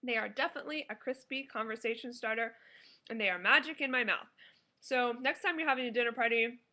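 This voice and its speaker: A woman's voice: a little high, fast talker, bright, forceful tone. A woman in her thirties giving a casual, enthusiastic food review to camera at home as a food blogger. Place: small living room at home, indoors.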